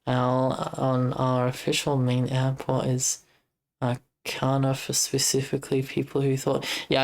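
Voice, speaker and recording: Woman, Australian accent, streamer, flat monotone, slow, rambling casual chat. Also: rumbling low, vocal fry. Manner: rambling, reads chat messages aloud and answers them. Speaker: livestreamer.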